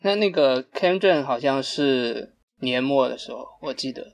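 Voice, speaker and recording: A man's voice: mid-range voice, animated, moderate pace, gravelly. A man co-hosting a podcast, chatting casually in a hesitant, matter-of-fact way. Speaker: podcast co-host. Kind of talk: casual chat.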